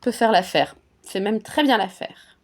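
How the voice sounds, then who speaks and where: A woman's voice: mid-range voice, unhurried. A woman vlogging about perfumes in a casual, chatty way, with many fillers and restarts. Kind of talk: casual chat.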